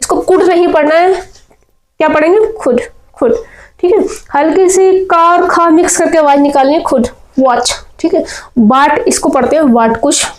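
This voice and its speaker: A woman's voice: sits high, steady tone, moderate pace, poor audio. A woman teaching spoken English pronunciation, drilling words over and over and asking and answering her own questions.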